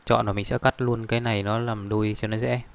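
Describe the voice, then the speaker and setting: Quick-talking man with a gravelly voice. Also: fairly low pitch, level tone. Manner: rambling, many fillers and restarts. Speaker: software tutorial instructor. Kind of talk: screen-recorded tutorial.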